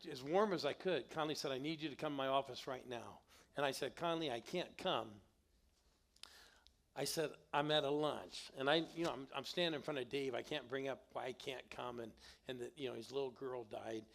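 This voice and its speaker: A middle-aged male pastor tells stories from the pulpit, his voice gravelly at a middle pitch. He urges the congregation to respond out loud and build up the story with him. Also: moderate pace. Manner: animated, calls on the congregation to respond. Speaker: guest pastor. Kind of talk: storytelling sermon. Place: church sanctuary.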